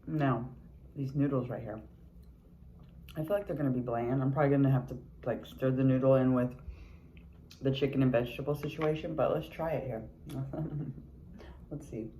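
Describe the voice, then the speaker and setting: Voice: medium pitch, fairly even intonation, moderate pace, pauses often, warm tone, a little hiss or hum, poor audio. A mukbang vlogger in a casual eating video, chatting between bites with lots of chewing murmurs and candid, sweary remarks.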